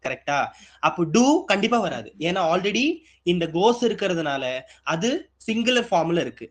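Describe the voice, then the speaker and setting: A man's voice: high-pitched, animated, moderate pace, a bit bright. A man teaching an exam-prep grammar lesson, asking his students questions and repeating key points. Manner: asks students questions and answers them, repetitive.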